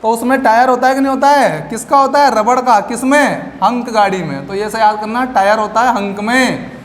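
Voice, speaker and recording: High-voiced teacher, echoey room. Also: male voice, moderate pace. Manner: animated, asks questions and answers them himself. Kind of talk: classroom lecture with memory tricks. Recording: echoey room with faint background noise.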